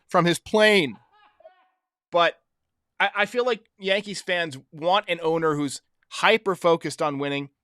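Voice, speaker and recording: A man with a slightly high, very clear voice hosts a fan sports show. He gives casual, conversational commentary, thinking out loud. The sound is bright and very dry. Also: dry recording.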